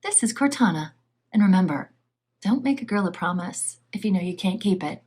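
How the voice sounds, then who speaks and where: Woman playing a cool female AI for a show intro; smooth, measured read, mid-range voice. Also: medium pitch, lively intonation, darkish tone. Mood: cool, assured. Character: calm female AI companion from a space shooter.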